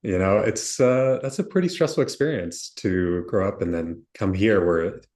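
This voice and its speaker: A man's voice: sits low, normal speed, darkish tone. A man from Ukraine, a guest on a podcast, telling his story in an articulate, reflective way. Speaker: guest, software founder. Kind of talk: interview answers.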